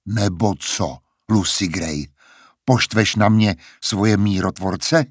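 A man's voice: fairly low pitch, slightly rough, no echo, clean studio sound. A man voicing a brash, jealous young man who taunts and sneers, in an audiobook reading. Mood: taunting.

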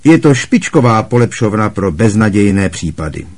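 Casting: a man doing an eager fussy uncle, pitched up, brisk, husky tone, storybook reading. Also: sing-song, a little mellow. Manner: brisk, placating, quick to change the subject.

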